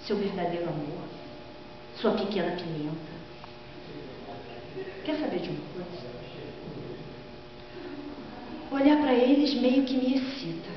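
A woman's voice: medium pitch, animated, natural voice. A woman plays a proud, vengeful queen of Greek tragedy. She declaims with theatrical emphasis, defiant and gloating. The sound is very reverberant and muffled, with a faint hum. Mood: vengeful, scornful. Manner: theatrical, declamatory, emphatic dramatic reading with drawn-out phrases. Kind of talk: dramatic stage reading of Greek tragedy. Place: large classroom or lecture room, indoors. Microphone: far camera microphone. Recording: echoey hall from afar, dull sound, mains hum.

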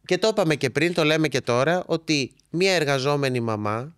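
A man co-hosting a chat podcast, his pitch moving in lively swings. The sound is dry and close, with no room in it. He steers the talk and agrees warmly. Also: smooth, no room sound. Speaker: podcast co-host. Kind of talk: casual podcast conversation. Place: hotel room.

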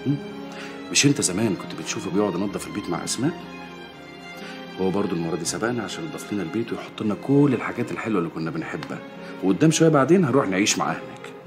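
An actor playing a tender father gently comforting his young daughter, with an Egyptian accent. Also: low voice, animated, very fast, over music. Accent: Egyptian Arabic. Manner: gentle, soothing.

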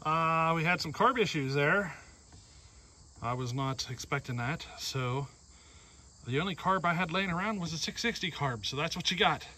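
Outdoor vlogger, man in his 40s, a touch higher-pitched, casual rambling with chuckles, crickets chirping behind. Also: expressive, normal speed, sharp tone. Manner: rambling, chuckling, filler-heavy. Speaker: chainsaw builder. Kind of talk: casual workshop vlog. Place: outdoors in a grassy yard. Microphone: camera close up, handheld.

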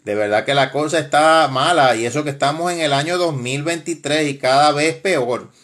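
A man's voice: a little high, normal speed, fairly bright tone. A man hosting a live stream, casually commenting in a mocking, laughing way, with frequent exclamations.

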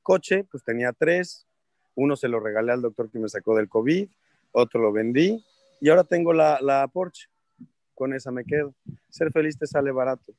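A man's voice: mid-range voice, normal speed, dry recording, clean studio sound. A man with a Mexican accent, a politician giving an interview, telling stories in blunt slang, laughing often and acting out other people's voices. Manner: lively storyteller who acts out other people's voices. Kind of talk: casual interview chat.

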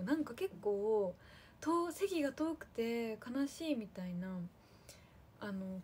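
A woman chatting on a livestream to her fans, casually thanking viewers one by one in a soft, friendly way. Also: on the high side, husky. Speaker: idol livestream host.

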